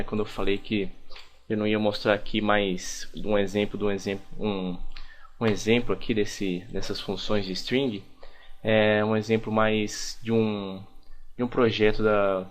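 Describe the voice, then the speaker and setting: A young man teaching a programming lesson over a screen recording, talking casually and thinking aloud with frequent restarts. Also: fairly low pitch. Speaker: programming instructor.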